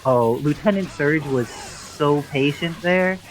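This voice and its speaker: A man's voice: a little high, takes it slowly, slight background noise, rough recording. A man giving live play-by-play commentary on a fighting game tournament, explaining mechanics and history at length. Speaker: esports commentator.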